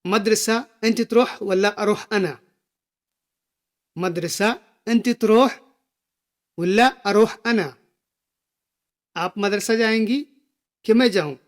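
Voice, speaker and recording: Man, language teacher, high-pitched voice, unhurried delivery, repeats phrases for learners. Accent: Gulf Arabic phrases within Hindi speech. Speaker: Arabic teacher. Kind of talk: slow spoken language lesson.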